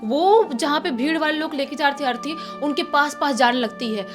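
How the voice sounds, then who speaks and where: A woman telling a spooky village story in a chatty, repetitive, animated way. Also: high voice, fairly quick. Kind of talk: casual spoken horror story. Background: faint background music.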